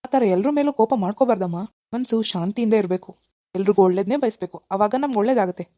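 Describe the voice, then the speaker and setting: A woman voicing a calm, moralizing middle-aged father in a cartoon, with a gentle, resigned manner. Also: medium pitch, racing, dry recording, clean studio sound, close to an everyday voice. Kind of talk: cartoon voice acting.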